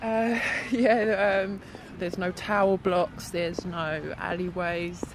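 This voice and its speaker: Young woman, electronically disguised voice, anonymous witness, measured earnest testimony, faint background noise. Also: on the low side, little pitch movement. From South London. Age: young adult. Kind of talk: interview testimony.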